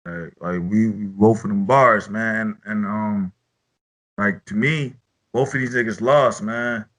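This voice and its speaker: A man's voice: fairly low pitch, fairly even intonation, unhurried, a bit bright. A man hosting a casual chat about battle rap, loose and profane, often repeating himself as he rambles. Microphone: own podcast mic.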